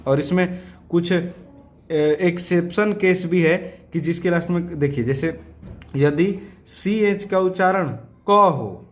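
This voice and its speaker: Guy teaching grammar, kinda high voice, keeps asking then answering himself. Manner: question-and-answer explaining, repeats key points; slows down and stretches words when stating rules. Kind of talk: classroom lesson explaining rules.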